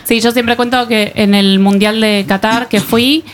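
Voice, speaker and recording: A woman hosting a casual panel chat, lively and jokey. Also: fairly high pitch, measured pace. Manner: lively, jokey, laughs easily.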